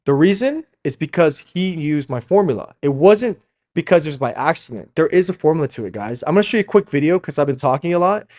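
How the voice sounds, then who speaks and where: This fast-talking, animated man has a slightly high, darkish voice. Originally from Slovakia and raised in Canada from early childhood, the fashion founder and coach pushes his sales message hard, peppering "guys" with constant tag questions.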